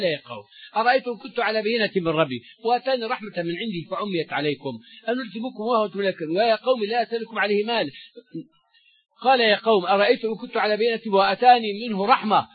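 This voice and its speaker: A man's voice: sits high, rapid-fire, husky. An older man giving a sermon-style Quran commentary, telling stories in everyday speech between recited verses, with stammering restarts. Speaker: Islamic scholar giving a Quran commentary lesson. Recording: dull lo-fi dry recording.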